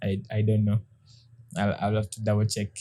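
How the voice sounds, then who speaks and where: A man in his thirties co-hosting a podcast in casual chat, hesitant, with frequent restarts and soft laughs. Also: lowish voice, completely flat delivery, moderate pace. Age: 30s. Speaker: podcast co-host.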